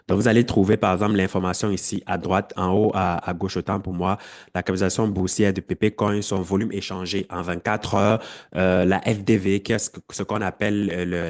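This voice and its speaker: A man explaining a screen-share tutorial to his viewers, with frequent fillers and self-corrections. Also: fairly low pitch. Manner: talks straight to viewers. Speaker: crypto educator.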